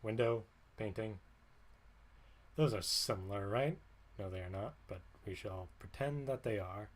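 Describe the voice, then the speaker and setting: Speaking at a measured pace in a fairly low voice, a man streams a relaxed livestream monologue. His talk is rambling and wry, frequently interrupted as he corrects himself partway through sentences.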